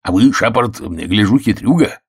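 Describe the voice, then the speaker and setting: A man's voice: lowish voice, expressive, moderate pace, husky, pitched above the performer's own voice. A man doing a bluff, jovial old colonel. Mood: teasing. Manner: jovial, teasing.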